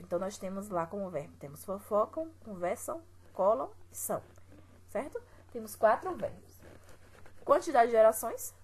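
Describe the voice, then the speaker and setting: Here a teacher's medium-pitched voice carries a breathy edge, and the recording is rough. She speaks with a Brazilian Portuguese accent, working through exercises with her students patiently and step by step while asking them questions she doesn't expect answered. The clip is a recorded classroom lesson.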